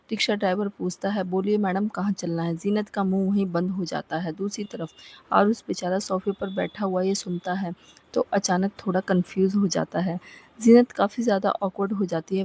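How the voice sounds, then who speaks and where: A woman narrating a romantic story, acting out the dialogue in a lively way. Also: medium pitch, breathy edge. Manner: lively, acts out characters' lines.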